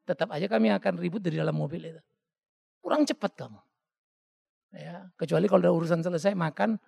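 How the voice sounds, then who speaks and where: Male pastor, high and gravelly, very animated sermon delivery with acted-out quotes, long church-hall reverb. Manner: animated, joking, acts out quoted voices.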